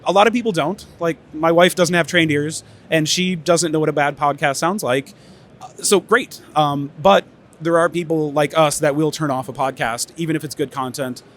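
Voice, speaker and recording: A man with a slightly high, fairly bright voice presents casually at an audio trade expo, on stage. Tired a bit from doing many interviews, he talks like a conference speaker, with lots of fillers and restarts.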